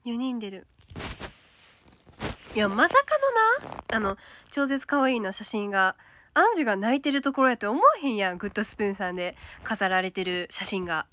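A woman with a Kansai accent chatting casually on a livestream, reading out viewer comments and now and then dropping to a soft whisper. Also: mid-range voice, lively intonation, fairly quick. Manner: chatty, reads comments aloud, drops to a soft whisper at times.

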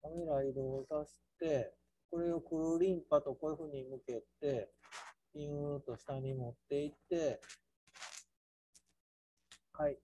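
A man with a Kansai accent teaching an architecture class through a software task, playful, with sound words and mock squeals. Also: on the high side, steady tone, a little slow, pauses often, slight background noise. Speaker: architecture instructor.

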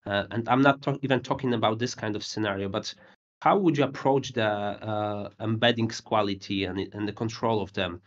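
A man's voice: on the low side, fairly even intonation, normal speed. A man moderating an online panel, thanking speakers and posing long technical questions. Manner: polite, asks long framed questions. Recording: dull video-call audio.

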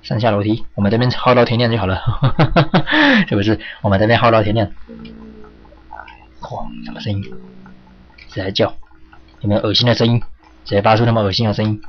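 A man's voice: lowish voice, lively intonation, a little fast, pauses often, faint music behind. Jumpy guy playing a scary game, yelps and swears a lot, bit muffled lo-fi mic. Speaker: game streamer. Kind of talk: horror game let's play commentary. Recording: slightly dull lo-fi home mic with faint hiss.

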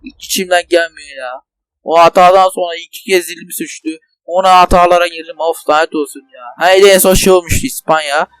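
Young male gaming host, highish voice, rambling commentary that boils over into swearing rants, dry close sound. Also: steady tone, fairly quick, a bit bright, clean tone, no room sound. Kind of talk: casual let's play commentary. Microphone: desk microphone.

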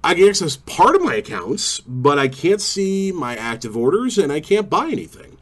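A man's voice: fairly high pitch, moderate pace. Man telling an exasperated story. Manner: animated storyteller, exasperated complaining. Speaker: podcast co-host. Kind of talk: casual podcast chat.

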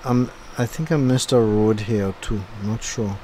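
A middle-aged man who hosts a YouTube channel talks over his driving clip from home after the drive, casual and meandering, with fillers. His voice is on the low side and warm, at a moderate pace, with slight background noise.

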